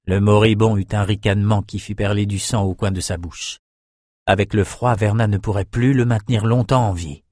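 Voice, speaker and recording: Un homme qui narre un roman en livre audio, d'une lecture posée et régulière. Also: male voice, fairly low pitch, fairly even intonation, moderate pace, darkish tone, dry recording. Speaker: narrator. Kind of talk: scripted audiobook narration. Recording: dry studio recording.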